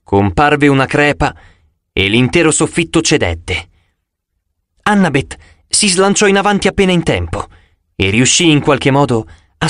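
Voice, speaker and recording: A man reading a first-person audiobook narration in an expressive storytelling manner. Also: medium pitch, no echo, studio quality.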